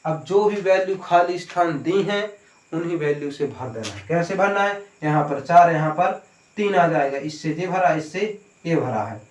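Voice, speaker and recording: A man's voice: fairly high pitch, animated, normal speed. A man teaching an exam-prep maths lesson, explaining step by step and asking questions before answering them himself. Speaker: maths tutor. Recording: echoey room.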